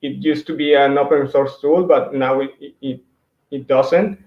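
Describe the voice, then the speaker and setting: Presenting slides in a virtual tech talk, a Mexican man with Spanish as his first language speaks at an ordinary pitch and a steady tone. He stops on fillers and restarts sentences frequently. His computer mic on a video call, in an echoey room, yields a somewhat dull, lo-fi sound.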